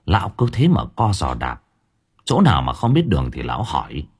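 A man narrating a horror story in a dramatic, expressive way. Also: very deep voice, fairly quick, breathy edge. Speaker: audiobook narrator. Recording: faint background music.

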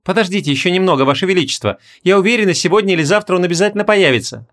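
A man voicing a lively young noblewoman in an audiobook. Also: sits high, rapid-fire, pitched above the performer's own voice. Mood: reassuring.

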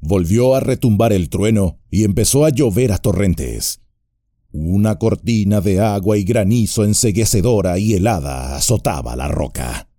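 A man reading a fantasy audiobook in a measured way, with dramatic pauses. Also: on the low side, expressive, warm tone, no echo, studio quality. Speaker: audiobook narrator. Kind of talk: scripted narration.

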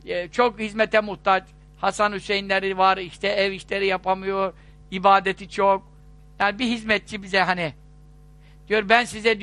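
High, bright-voiced preacher. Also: male voice, no room sound. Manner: animated storyteller, voices quoted people, chuckles. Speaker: religious preacher. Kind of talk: sermon-style storytelling talk.

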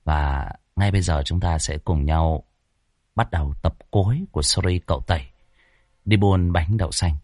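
A man hosting and narrating a horror story in a lively, chatty way. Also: deep voice, normal speed, no echo. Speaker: storyteller and channel host.

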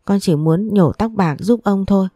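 A woman voicing a gentle, affectionate little boy in a storybook reading. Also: mid-range voice, moderate pace, no echo, clean studio sound, close to an everyday voice. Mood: tearful pleading.

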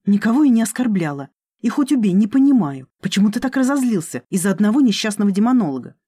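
The audiobook narrator voicing a young female student who protests loudly and with rising indignation. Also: medium pitch, sing-song, fast talker, breathy edge, no room sound, studio quality, pitched above the performer's own voice. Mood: indignant. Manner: raised, protesting voice. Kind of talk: audiobook character reading.

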